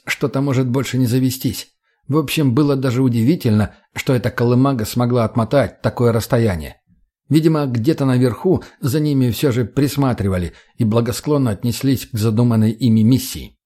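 A man narrating an audiobook in a steady storytelling voice. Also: mid-range voice. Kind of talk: scripted narration.

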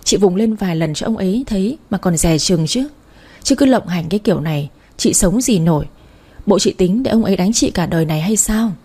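A woman's voice: mid-range voice, expressive, brisk, mellow, slightly rough. A woman voicing a fierce, outspoken young woman who scolds and protects her family, speaking sharply. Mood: firm caring.

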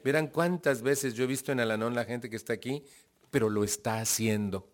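A man with a Mexican accent speaks to a live group at a medium pitch. He tells his story with energy, acts out both sides of conversations, and often checks in with the listeners. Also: a little fast. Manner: animated storytelling, acting out dialogue, asking the audience questions. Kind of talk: testimonial talk to a live group.

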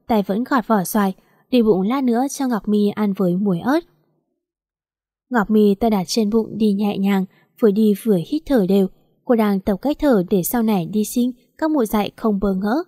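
A woman narrating an audiobook story in smooth, steady storytelling. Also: medium pitch, normal speed, no echo, studio quality.

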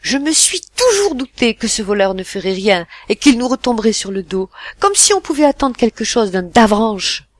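A harsh, quick-tempered mother, put on by a storybook reader, snapping out orders at a raised, forceful volume. The voice stays husky and a little higher than the narration, sharp and urgent in every line. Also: lively intonation, no echo, close to an everyday voice. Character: harsh scolding mother, middle-aged woman, quick-tempered.

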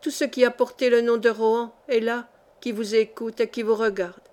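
A devout old peasant woman, voiced by a woman reader, blunt and emphatic, loyal to the old noble house. Her voice stays fairly high and plain. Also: little pitch movement, moderate pace, a little mellow, lightly acted. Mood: approving.

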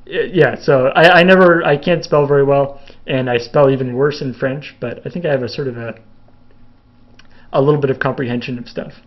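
In lo-fi sound, a young Canadian video host answers viewer questions during a casual live Q&A. His medium-pitched voice stays steady and fairly quick, though he rambles, restarts often, leans on fillers, and laughs a little.

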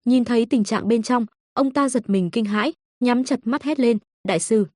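A woman narrating a web novel audiobook with a steady storytelling delivery. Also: on the high side, moderate pace, dry recording, studio quality. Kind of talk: reading a web novel aloud.

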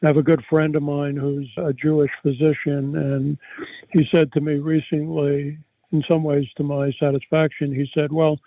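A man's voice: fairly high pitch, no echo, narrow, tinny audio. An older man, a psychiatrist and author, answering interview questions conversationally with discursive, self-correcting explanations and anecdotes.

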